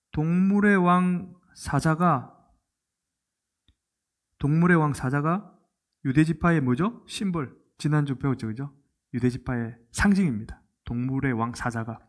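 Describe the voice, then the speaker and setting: A middle-aged man preaching a sermon as a pastor, telling the story with animation and asking the congregation questions. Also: on the high side. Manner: animated storytelling, asks the congregation questions and acts out quoted lines.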